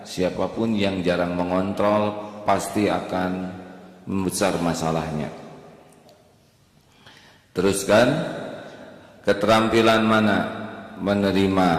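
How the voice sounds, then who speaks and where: A middle-aged man preaching a sermon to a congregation at an unhurried pace, sometimes chanting scripture. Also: low-pitched. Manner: slow, unhurried sermon cadence with sung Quranic recitation. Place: large hall with a congregation. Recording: echoey hall recording.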